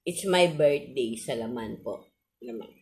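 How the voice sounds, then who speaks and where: A middle-aged Filipino woman vlogger with missing front teeth chats casually to her viewers in a polite, halting way, often repeating herself. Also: a bass voice, lively intonation, darkish tone. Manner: polite, halting, with frequent repetition.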